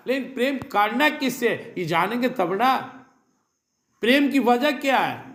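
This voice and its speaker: High-pitched man preaching, echoey room. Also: fairly bright tone. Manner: recites Sanskrit verses, then explains them in Hindi; repetitive, rhetorical questions. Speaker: spiritual teacher. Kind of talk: sermon.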